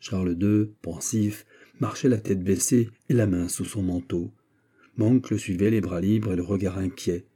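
Dark, husky male audiobook narrator. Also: deep voice, unhurried. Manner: steady, storytelling. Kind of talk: scripted narration.

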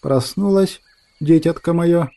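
A man reading an audiobook, voicing an old female witch who is stern yet tender and speaks slowly and firmly. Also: a little high, fairly even intonation, warm tone. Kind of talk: audiobook character voice.

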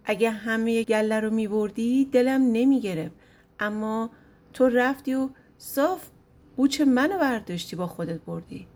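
A woman's voice: fairly high pitch, darkish tone, natural voice. A woman reading a storybook voices a curious, stubborn bald shepherd who pleads and pries. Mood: pleading. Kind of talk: storybook narration.

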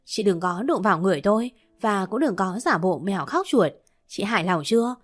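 Woman narrator doing a two-faced young woman, pleading and defensive, mid pitch, storybook. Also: lively intonation, fairly quick, close to an everyday voice. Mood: bitter.

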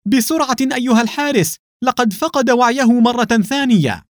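A man's voice: fairly low pitch, animated, rapid-fire, a little mellow, husky, no echo, clean studio sound. A man reading aloud, voicing a worried young female lieutenant in an anxious, pleading manner. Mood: urgent shouting.

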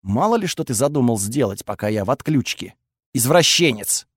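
A man voicing an angry, defensive young woman with strange powers, who accuses and shouts sharply. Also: medium pitch, sing-song, brisk, dry recording, clean studio sound. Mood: furious, accusing.

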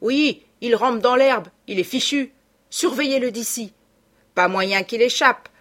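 A woman's voice: fairly high pitch, unhurried, fairly bright tone, pitched above the performer's own voice. A woman voicing a young male servant who calls out in raised, urgent tones.

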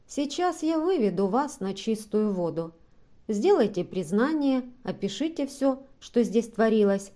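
A stubborn, distrustful man with a scornful, cutting delivery, read aloud by a woman narrating an audiobook. The tone stays mellow and dark rather than bright. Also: fairly high pitch, very animated, a little slow. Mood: decisive. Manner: accusing, scornful, decisive. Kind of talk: audiobook reading.

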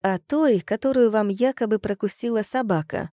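A woman reading the part of a lively, stubborn female amateur detective in an audiobook. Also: a little high, no room sound, clean studio sound, pitched above the performer's own voice, natural voice. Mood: indignant. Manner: quick, indignant questioning. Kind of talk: audiobook character voice.

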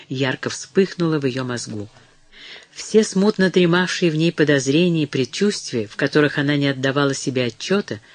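A man narrating an audiobook in a measured, dramatic reading. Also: a little high, no echo. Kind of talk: scripted narration.

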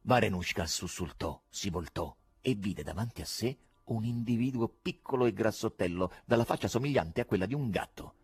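A man reading a novel aloud as an audiobook narrator, in an expressive, theatrical manner. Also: on the low side, normal speed, few pauses, slightly rough, no echo. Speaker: audiobook reader. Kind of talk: scripted literary narration.

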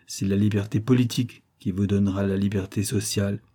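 A man's voice: fairly low pitch, steady tone, fairly quick, warm tone, close to an everyday voice. A man reading the part of an old craftsman making an impassioned political speech in an audiobook. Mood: fervent.

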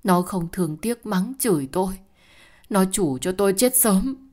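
A woman's voice: medium pitch, expressive, measured pace, darkish tone, voice pushed up. A woman voicing a remorseful old grandmother who pleads tearfully in an audio story. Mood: pleading.

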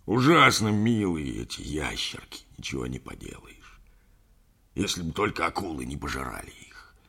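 A man's voice: very deep voice, sing-song, moderate pace, creaky, pushed and bright, husky, pitched below the performer's own voice, heavily acted. A man voicing an older, sentimental sea captain who rambles through a yarn in an audiobook. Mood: tender. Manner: rambling folksy storytelling, addresses listener as brother. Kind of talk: audiobook character reading.

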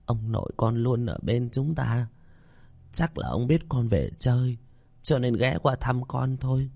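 A man voicing a gentle elderly grandmother who speaks softly and coaxingly in an audiobook story. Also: medium pitch, lively intonation, unhurried, creaky, no room sound. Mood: soothing. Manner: soft and coaxing.

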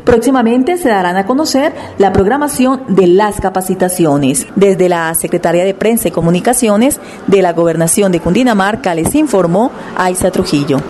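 A woman reading a government news bulletin on the radio in a measured, formal way. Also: medium pitch, noisy background. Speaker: news reader.

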